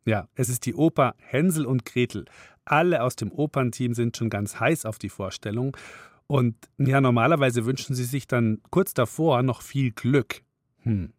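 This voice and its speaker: A man's voice: medium pitch, moderate pace, no room sound, clean studio sound. A man hosting a children's radio show, talking directly to the kids in a friendly way. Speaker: host.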